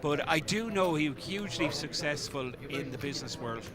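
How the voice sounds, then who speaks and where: A man's voice: fairly high pitch, expressive, fairly quick. A man with an Irish accent giving casual, chatty live poker commentary, with colloquial turns and hesitant asides. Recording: live, loud crowd chatter behind.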